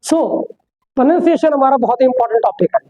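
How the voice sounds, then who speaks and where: A woman's voice: high voice, dark tone. A woman teaching an English pronunciation lesson, mixing Hindi and English, repeating words and asking the class questions. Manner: repetitive, asks the class questions; slows down sharply for English sentences. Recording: dull, lo-fi sound.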